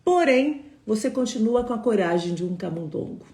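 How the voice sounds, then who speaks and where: A woman's voice: a little high, animated, normal speed, dark tone. A woman voicing a fed-up storybook wizard. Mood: stern. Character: wizard granting wishes, grows annoyed. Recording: echoey room.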